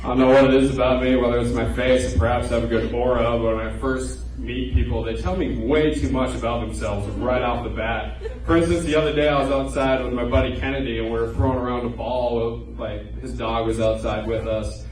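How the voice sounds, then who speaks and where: Before a live audience on a comedy club stage, a twenty-something comedian delivers a loose, conversational stand-up set built on self-deprecating jokes. His mid-range voice is a little mellow and a little fast with fairly even intonation, captured by a distant mic in an echoey room amid audience noise.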